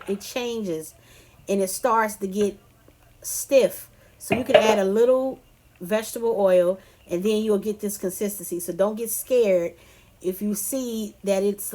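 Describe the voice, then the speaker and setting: A woman's voice: medium pitch, darkish tone, a little hiss or hum. A woman from California giving a casual cooking tutorial, chatty and loose, addressing viewers as "y'all" and "you guys". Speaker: cooking vlogger.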